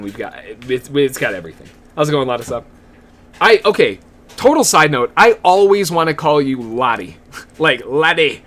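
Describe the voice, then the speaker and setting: A man's voice: medium pitch, fairly bright tone. A man giving live day trading commentary, chatty and laughing often as he greets viewers in the chat.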